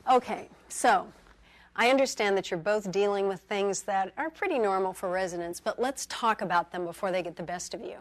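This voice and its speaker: Calm, firm senior woman physician, concerned and steady, played by an actress. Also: medium pitch, fairly quick, natural voice. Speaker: supervising physician.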